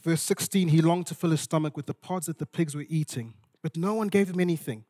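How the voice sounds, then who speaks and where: A Zimbabwean man delivers an expository sermon woven with stories, speaking in deliberate, dramatic phrases he repeats for emphasis. His voice is slightly high with a dark tone.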